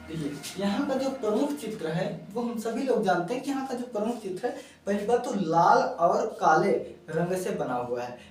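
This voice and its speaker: A male teacher giving a classroom lecture, going slowly and repeating key words one at a time so students can write them down. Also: high-pitched, a little mellow. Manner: slow, repeats key words for note-taking. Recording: echoey room, mic far off.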